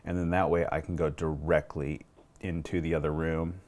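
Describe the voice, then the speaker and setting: Wearing a lapel mic at a home table indoors, a man in his thirties works as a wedding DJ consulting with clients. He explains things casually and informally, his bass voice level and a little mellow at a moderate pace.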